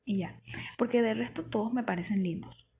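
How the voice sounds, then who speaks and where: A woman's voice: fairly high pitch, brisk, vocal fry, breathy edge. Chatty young Venezuelan woman storyteller. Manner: chatty, animated, slangy, laughs often. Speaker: vlogger. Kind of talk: casual storytelling.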